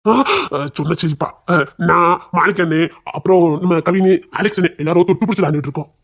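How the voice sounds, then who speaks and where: A man's voice: sits high, fairly even intonation, fast, fairly bright tone. A man acting a playful, teasing young man in a comic romance drama, stammering and joking in a Tamil accent. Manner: teasing, stammering, mock-crying.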